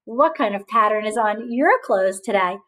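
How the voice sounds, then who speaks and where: A teacher of young children reads a picture book aloud in a mid-range voice. She's animated and encouraging, frequently asking questions and pausing for answers.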